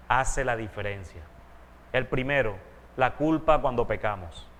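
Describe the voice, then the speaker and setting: A pastor preaches in a steady mid-range voice and teaches earnestly, often turning to his listeners with questions. His voice rings out with a long reverb from a church hall. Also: medium pitch. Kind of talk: sermon.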